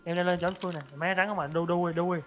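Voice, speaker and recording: High, rapid male co-player, urgent, barks instructions over faint game music. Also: little pitch movement. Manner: urgent, shouts warnings and instructions. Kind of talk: excited gameplay chatter.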